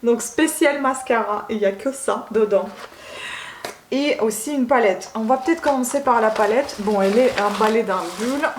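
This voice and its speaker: A woman unboxing beauty products at home in a casual vlog, gushing over each item and pausing often with filler sounds. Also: on the high side, reverberant, a little hiss or hum. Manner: gushing, keeps saying she loves it; hesitant, many filler sounds. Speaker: beauty vlogger.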